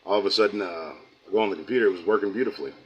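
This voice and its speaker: Low-pitched and slightly rough, the voice of this middle-aged American man races along very fast over lo-fi sound. Hosting his livestream channel, he reads chat and talks casually, rambling folksily until he drifts into preaching.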